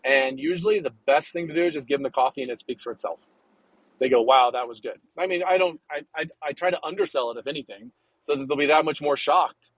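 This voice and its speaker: Upbeat guy rambling on a podcast, kinda high voice, dry sound. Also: quick pace, dry recording, rough recording. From United States. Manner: chatty, enthusiastic, rambling with restarts. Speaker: coffee importer and roaster guest. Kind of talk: casual podcast interview.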